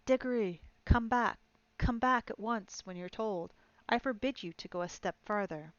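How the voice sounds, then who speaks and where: A woman voicing a timid, fussy old uncle who shouts shrill, scolding orders. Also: normal speed, no room sound, lo-fi sound, close to an everyday voice.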